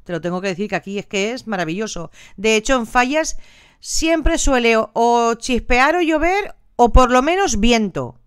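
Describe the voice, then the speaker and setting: A woman's voice: a little high, lively intonation, normal speed, clear, resonant tone, no room sound, clean studio sound. An older woman from Valencia in Spain, hosting a live stream in a chatty, affectionate way and greeting viewers by name. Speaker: live stream host reading viewer comments. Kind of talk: casual live chat.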